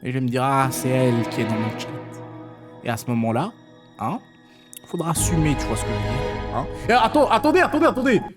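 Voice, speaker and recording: A man's voice: mid-range voice, expressive, fast, loud music behind the voice. A young man from Switzerland chatting casually on a live stream, teasing his viewers and stammering through restarts.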